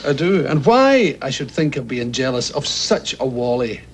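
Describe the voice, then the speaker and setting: An actor playing an eager, soft-hearted, jealous boyfriend in a television comedy-drama, hesitant and playfully wounded. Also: male voice, mid-range voice, very animated, moderate pace, slight background noise. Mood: flustered, wounded.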